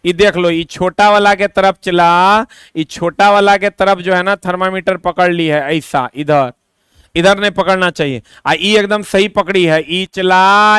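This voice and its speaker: A high-pitched man coaches students through an exam-prep lesson. He talks in a chatty, repetitive way and throws in quick asides. His voice comes across smooth and clear, recorded dry and close. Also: fairly bright tone, dry recording. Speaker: teacher.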